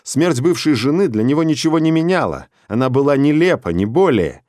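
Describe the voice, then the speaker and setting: A man narrating a dark story as an audiobook, in a steady, measured reading. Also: fairly high pitch, no room sound, clean studio sound.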